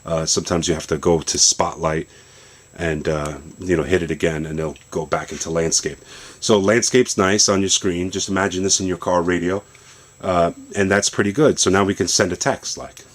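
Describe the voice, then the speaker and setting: Deep-voiced male tech vlogger, easygoing explainer, talking through a gadget demo at home. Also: normal speed. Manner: relaxed, explanatory, loosely rambling. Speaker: tech vlogger demonstrating a phone setup. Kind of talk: casual product demo. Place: home basement.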